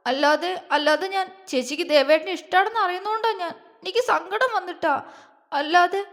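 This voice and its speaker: A woman's voice: high voice, lightly acted. A woman voicing a tearful, insecure young wife who stammers through her words, with a long hall reverb. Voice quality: halting, stammering speech. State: crying.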